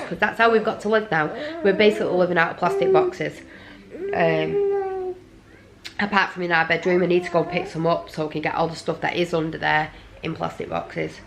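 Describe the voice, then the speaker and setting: Woman, worn out and rambling, chatty home vlogger, creaky voice. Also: low voice. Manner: rambling, apologetic. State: exhausted. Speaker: parent vlogger. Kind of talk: casual vlog chat. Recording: noisy home recording.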